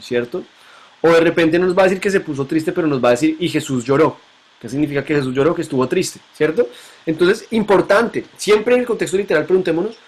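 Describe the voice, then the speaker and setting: A man teaching a Bible lesson to a class, asking questions and repeating key points. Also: fairly high pitch.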